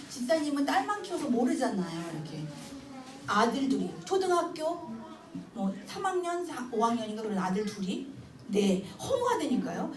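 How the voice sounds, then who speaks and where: High-voiced animated woman lecturer. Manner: animated storytelling, acting out child and mother dialogue, frequent laughter. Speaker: Bible memorization instructor. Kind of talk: lively church lecture with acted-out anecdotes. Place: church hall. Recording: echoey hall, distant mic, noisy.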